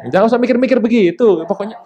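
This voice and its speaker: With quick asides and abrupt, emphatic climbs to a higher pitch, a man preaches energetically in his role as pastor.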